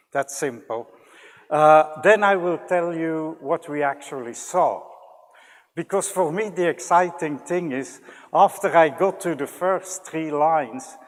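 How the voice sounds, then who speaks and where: An older man from Belgium opening a public science lecture in a relaxed, lightly humorous way. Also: a little high. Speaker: physics lecturer. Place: large lecture hall. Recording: lecture hall with long reverb.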